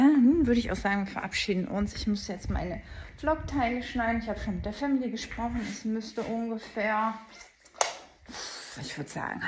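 A woman's voice: a little high, a little mellow, slight background noise. Chatty older woman whispering to animals. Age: 60s. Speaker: vlogger. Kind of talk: casual vlog chat. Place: outdoors, then at home at night.

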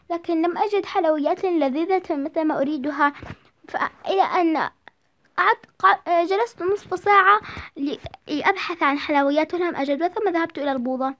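A woman's voice: sits high, fairly bright tone, voice pushed up. A woman voicing a timid young girl caught lying, stammering tearful excuses.

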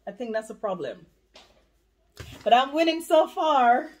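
A woman's voice: high-pitched, lively intonation, unhurried, darkish tone, slight background noise. A woman in her thirties with a Jamaican accent, chatting casually and playfully in a challenge game at home. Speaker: couple vlogger playing a challenge game. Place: home room, indoors.

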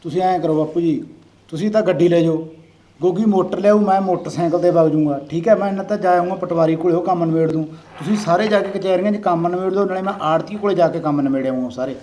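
A man's voice: high-pitched, dark tone. A young man playing a practical son planning errands in a family skit. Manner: brisk, practical.

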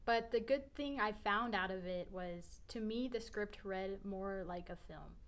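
A woman's voice: medium pitch, unhurried. Casual woman explaining a stage design. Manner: casual, filler-heavy. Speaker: scenic designer.

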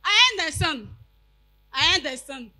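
Ivorian lady doing standup, french accent, slow and very high pitched, dramatic bursts, on a stage mic. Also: lively intonation, pushed and bright. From Côte d'Ivoire. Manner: comic broken English, dramatic outbursts. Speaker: stand-up comedian. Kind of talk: stand-up comedy. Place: large tented event hall, on stage. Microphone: handheld mic.

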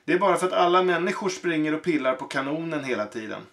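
A man reading aloud and voicing a small excitable male circus cannon king with high, fretful exclamations. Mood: cheerful.

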